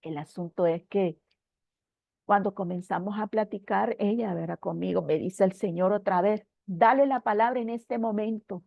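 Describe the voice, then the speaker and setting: At church, a woman shares her personal spiritual testimony with earnest emotion, calling her listener brother. Her medium-pitched voice has vocal fry and a moderate pace, captured in a dull, dry, somewhat lo-fi recording.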